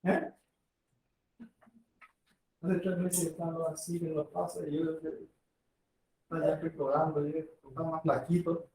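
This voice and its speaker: A man teaches medicine in a loose, chatty lecture, slipping into quick doctor-and-patient exchanges. His voice sits a little high for a man. He is picked up from across an echoing classroom, well away from the mic. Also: little pitch movement, warm tone. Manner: conversational, acts out patient dialogues. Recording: echoey room, far from the mic.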